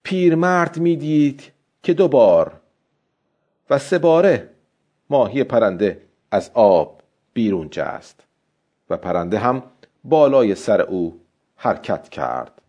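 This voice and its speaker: A man narrating a story as a scripted audiobook, in a calm, steady way. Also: medium pitch, long pauses, highs cut off.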